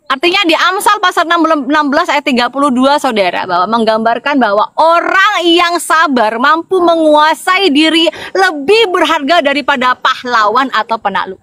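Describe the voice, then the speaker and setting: A woman evangelist with a Madurese accent preaches in a loose, conversational way. Her voice sits a little high, and she keeps checking in with her listeners as she talks. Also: measured pace, no echo, poor audio. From Madura, Indonesia. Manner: lively, chatty preaching with call-and-response to listeners. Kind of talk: informal sermon.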